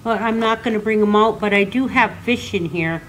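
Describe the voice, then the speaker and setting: An older woman, an elder, slowly teaching children the names of animals and patiently repeating each word for learners. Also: medium pitch, a bit bright, slight background noise. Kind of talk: slow classroom teaching.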